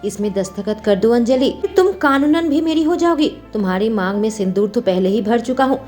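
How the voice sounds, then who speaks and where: Earnest, protective young husband voiced by a woman for a storybook read, fairly high and pleading. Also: lively intonation, brisk, darkish tone, soft background music, close to an everyday voice. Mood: tender.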